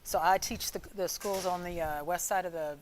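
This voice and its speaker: A woman's voice: lowish voice, fairly even intonation, normal speed, slight background noise. A woman from Louisiana, a teacher, talking easygoing and hesitant as an interview guest. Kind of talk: casual interview. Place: school campus room.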